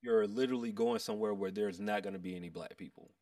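An American man chats casually with his friends in slangy, buddy-like talk. His voice swings animatedly and has a noticeable fry. The sound is dry, picked up a little away from the mic. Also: lowish voice, huge pitch swings, fast, recorded from a distance, crowd noise. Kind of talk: casual chat among friends.

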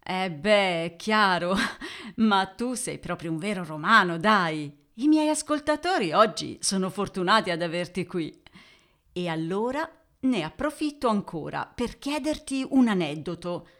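A woman's voice: medium pitch, a bit bright. A woman presenting an interview podcast as its host, addressing listeners and putting questions to a guest.

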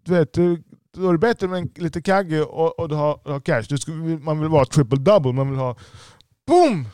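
A man's voice: a little high, steady tone, a little mellow, smooth, dry recording, studio quality. Lisping man, blunt and profane. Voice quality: lisp. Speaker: business owner. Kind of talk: podcast monologue.

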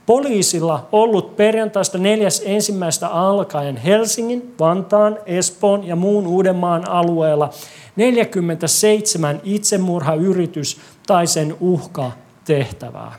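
A preacher delivering a sermon in a church hall, asking the congregation lively rhetorical questions and adding wry, joking asides. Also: medium pitch.

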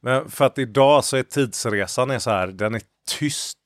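A man co-hosting a podcast, telling anecdotes in a dry, self-ironic manner. His voice sits in the middle range. The sound is close and dry, with no room echo. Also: medium pitch. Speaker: podcast co-host. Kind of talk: casual chat, storytelling.

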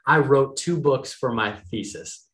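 A man in his thirties, an energetic and encouraging podcast host talking in casual chat. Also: mid-range voice. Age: 30s. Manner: energetic, encouraging, fast-flowing talk. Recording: roomy echo.

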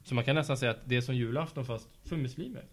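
A man working at a school, interviewing children in a casual, patient and encouraging way, asking gentle follow-up questions. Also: mid-range voice. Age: adult. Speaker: school after-school staff interviewer. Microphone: handheld mic passed to pupils.

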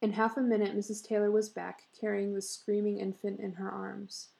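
Gravelly woman reading a story aloud. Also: mid-range voice, normal speed. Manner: steady reading, breaks into laughs. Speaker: reader.

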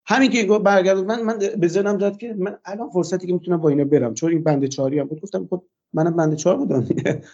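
An older man, a guest in a radio interview, gives a long, hesitant personal account, often pausing on "uh" fillers. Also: sits high, fairly even intonation, darkish tone, lo-fi sound.

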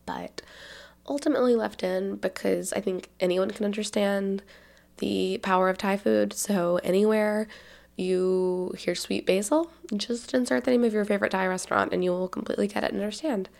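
A woman's voice: mid-range voice, steady tone, fairly quick, creaky, a little mellow. A woman in her twenties with a Southern accent, hosting a casual podcast, chatty and full of ums and likes. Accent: Southern American. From Tennessee. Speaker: podcast host.

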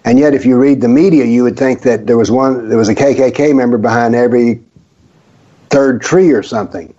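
An older man from the American South talks on a radio show, spinning stories with dry, sarcastic humor. His voice sits at a middle pitch. The audio is dull and lo-fi. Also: fairly quick, mellow. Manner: wry, sarcastic, storytelling. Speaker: guest author. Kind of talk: casual radio talk.

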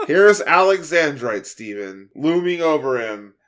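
A man in casual podcast chat, calmly walking through a cartoon's plot. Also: a little high, slow. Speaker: podcast co-host.

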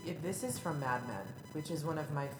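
A woman's voice: sits low, brisk, over music. A woman co-hosting a podcast, chatting casually and gushing enthusiastically about costumes. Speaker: podcast co-host. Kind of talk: casual chat. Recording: roomy room echo.

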